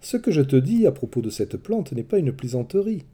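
A man's voice: medium pitch, sing-song, fairly quick, mellow, husky. A man voicing a young male messenger god who speaks earnestly and insistently, in a storybook reading.

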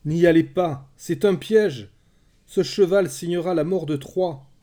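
A man's voice: mid-range voice, unhurried, dark tone, close to an everyday voice. A man voicing a desperate young prophetess whose warnings go unheard, pleading and crying out in a raised voice. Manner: frantic, pleading, rising to wild cries.

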